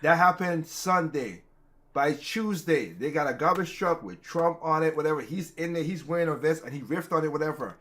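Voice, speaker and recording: A man's voice: fairly high pitch, expressive, normal speed, fairly bright tone. Rambling, heated male podcast host. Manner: rambling, restarts often, gets heated. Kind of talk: casual political chat.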